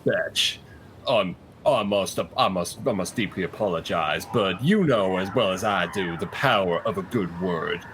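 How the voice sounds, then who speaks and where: A man's voice: sits low, a bit bright, slight background noise, voice pushed down, low-quality recording. A man voicing a pompous male adventurer who fusses over his fine diction. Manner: pompous, drawn-out, theatrical.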